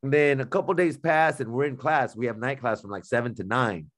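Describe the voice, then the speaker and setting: A man's voice: mid-range voice, brisk. A man co-hosting a podcast, telling a story in casual, blunt, profane slang and acting out the dialogue he quotes. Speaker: podcast co-host.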